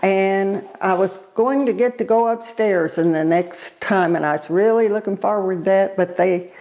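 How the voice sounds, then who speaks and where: Elderly woman, halting reminiscence, unhurried, interview answers. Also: medium pitch, a little mellow, muffled recording. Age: elderly, born 1936. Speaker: oral history interviewee.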